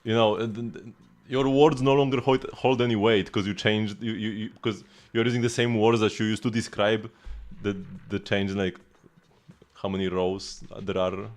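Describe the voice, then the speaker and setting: A man's voice: fairly low pitch, level tone, moderate pace. A man livestreaming a video game, chatting casually and explaining team strategy in a rambling way with frequent restarts.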